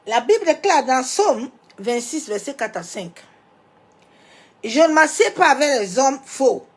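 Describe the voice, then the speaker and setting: A woman pastor who has a cold and keeps coughing preaches in a high-sitting, very animated voice, unhurried and breathy at the edges. She alternates between loud, insistent declarations and gentle, near-whispered asides, dropping in small rhetorical interjections.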